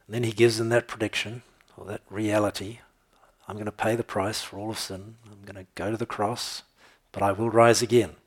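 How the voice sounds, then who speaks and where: Male pastor, low husky voice, relaxed conversational preaching with humor. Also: brisk. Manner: conversational, tells jokes and laughs, checks in with "okay?". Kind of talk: sermon.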